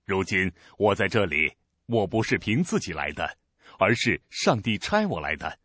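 Earnest, firm male teacher, read by a man with lively, solemn delivery. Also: sits low, moderate pace, breathy edge, no echo, full character voice. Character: calm, authoritative male teacher.

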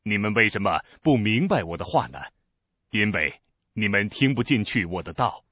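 Earnest, firm male teacher, read by a man with lively, solemn delivery. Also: on the low side, normal speed, dry recording. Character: calm, authoritative male teacher.

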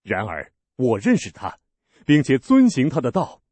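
Earnest, firm male teacher, read by a man with lively, solemn delivery. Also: mid-range voice, moderate pace, breathy edge, no room sound. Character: calm, authoritative male teacher.

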